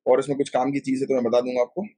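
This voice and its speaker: A man teaching a live online exam-prep class, speaking Hindi with a north Indian accent, mixing in English terms and asking students quick questions. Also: medium pitch, flat delivery, warm tone. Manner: chatty, mixes Hindi with English terms, many fillers.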